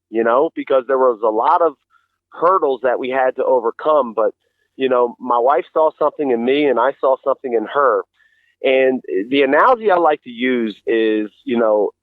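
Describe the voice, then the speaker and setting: A man's voice: medium pitch, no echo. Middle-aged man, thin phone-like radio sound. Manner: earnest, explanatory, uses rhetorical questions. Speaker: interview guest. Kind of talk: conversational motivational relationship advice.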